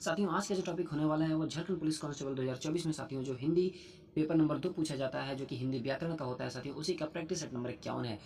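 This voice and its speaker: A man's voice: a little high, very fast, a little mellow. A young man teaching an online exam-prep lesson. He reads out multiple-choice questions, then answers and explains them, and keeps addressing his students as friends. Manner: addresses students as "saathiyon" over and over.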